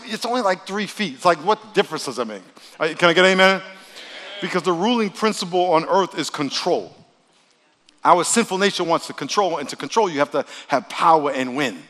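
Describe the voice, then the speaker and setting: A man's voice: a little high, a bit bright. A man preaching a sermon as a pastor, in a conversational, folksy motivational manner that keeps prompting the congregation to respond. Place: large church auditorium with long reverb. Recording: reverberant large hall.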